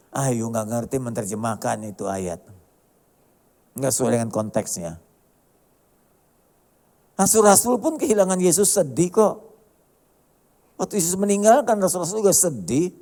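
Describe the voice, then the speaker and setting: Emphatic colloquial male pastor. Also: high voice. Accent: Indonesian. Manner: colloquial, swings from hushed to loud emphatic; acts out quoted dialogue. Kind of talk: sermon.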